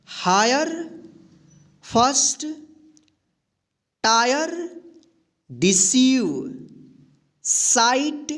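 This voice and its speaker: A teacher talks at a very slow, deliberate pace, spelling each word one letter at a time and then reading it out. He asks the class what a word says and answers it himself. The voice sits at a middle pitch, neither high nor low. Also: fairly bright tone. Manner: spells words letter by letter, then reads them aloud. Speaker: English teacher. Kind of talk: slow spelling-out phonics lesson.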